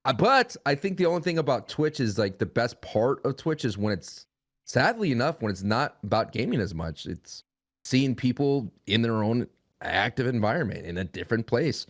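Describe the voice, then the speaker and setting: A man's voice: medium pitch, sing-song, normal speed. A young man talking as a podcast guest in a rambling, casual way. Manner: rambling, frequent restarts and fillers.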